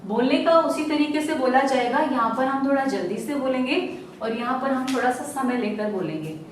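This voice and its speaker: A woman's voice: high-pitched, lively intonation, a little hiss or hum. A woman teaching Hindi to young children in a recorded lesson, stretching out syllables and answering her own questions. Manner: slow, drawn-out syllables, coaxing questions answered herself. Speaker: primary school Hindi teacher. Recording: very echoey room, voice from a distance.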